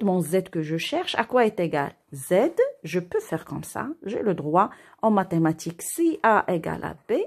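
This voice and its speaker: Slow, patient woman teacher, husky voice. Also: mid-range voice, dark tone. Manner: patient, repeats herself, asks and answers her own questions. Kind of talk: step-by-step math and physics lesson.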